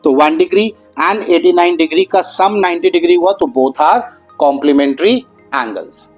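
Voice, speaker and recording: A man's voice: a little high, faint music behind, rough recording. Patient Hindi-English math teacher, man. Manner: patient, addresses students as "beta"; slows down and stretches out key terms. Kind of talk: explaining geometry to students.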